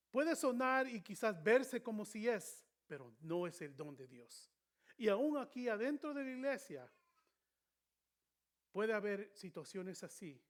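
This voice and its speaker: Guy w a high voice preaching thru a bible study, gets loud on the key words then goes quiet, mixes in bits of english. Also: sing-song, takes it slowly, long pauses. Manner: emphatic, swings between loud stresses and quiet asides; drops short English phrases into his Spanish. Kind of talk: preaching-style Bible teaching.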